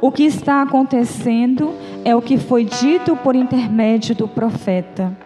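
A young woman with a Northeastern Brazilian accent, preaching at a small church's prayer group and reading scripture in a slow, gentle, inviting way. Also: fairly high pitch, music in the background. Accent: Brazilian Portuguese, Northeastern. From Bahia, Brazil. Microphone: mic on a stand at the lectern. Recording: reverberant church hall.

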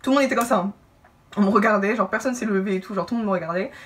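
Fast-talking young woman telling a story. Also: mid-range voice, far from the mic. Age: young adult. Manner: animated, lively asides and acted-out quotes. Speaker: YouTuber telling a personal story. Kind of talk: casual storytime to camera. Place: indoor room, brick wall behind.

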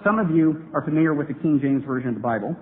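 A man's voice: a little high, fast talker. A man giving an earnest debate speech to a live audience in a large hall, building to emphatic points. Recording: tinny lo-fi hall recording with hiss.

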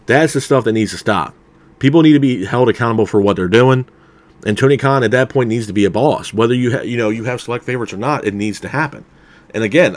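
A man giving a casual spoken review of a wrestling show, candid and opinionated, padding his talk with "you know" and "man". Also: mid-range voice. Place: unseen, voice over a title card.

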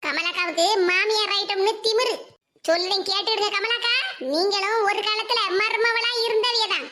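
A woman's voice: very high-pitched, steady tone, moderate pace, noisy background. A woman voicing a hot-tempered, nosy neighbour woman with a Tirunelveli Tamil accent, confrontational and scolding. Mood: angry.

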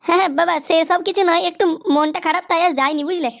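A woman's voice: very high-pitched, steady tone, fast, gravelly. A woman voicing a downcast, joking poor male hawker in a cartoon, speaking wearily. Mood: weary. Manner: weary, sighing, repeats 'বুঝলে'. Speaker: cartoon voice actor.

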